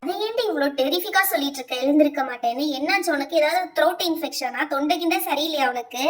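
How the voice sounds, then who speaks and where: A woman's voice: sits high, fast talker, distant mic, close to an everyday voice. A woman voicing a strict, nagging female schoolteacher who lectures her pupils in a doll play. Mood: scolding. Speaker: teacher.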